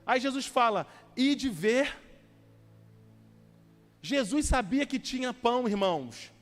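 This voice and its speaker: High-voiced pastor preaching in a hall. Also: male voice, animated, moderate pace, faint music behind. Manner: storytelling preacher acting out dialogues, urging. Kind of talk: sermon.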